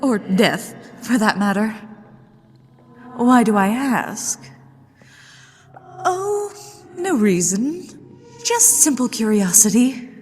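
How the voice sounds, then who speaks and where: Woman playing a slow, teasing ghost lady, deep reverb. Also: very animated, a little mellow. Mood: flirtatious, curious. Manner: coy, aristocratic, teasing, slow and deliberate. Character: flirtatious, mischievous, genteel ghost lady of a haunted manor. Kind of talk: ASMR roleplay. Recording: long echoing reverb with music behind. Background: music.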